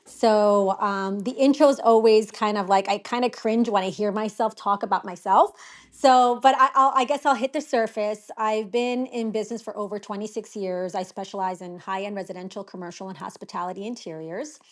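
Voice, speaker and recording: A woman's voice: medium pitch, normal speed. A woman guest speaks in a casual interview over a remote line. She is an interior designer who talks modestly and chattily, filling her sentences with "you know.". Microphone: phone or remote line.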